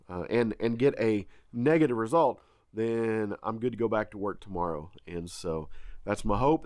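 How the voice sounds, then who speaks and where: Talking to camera in his homestead vlog, a congested male farm vlogger has a smooth, mid-range, darkish voice recorded at studio quality with no room sound. His casual manner is folksy and chatty, and he addresses viewers as y'all.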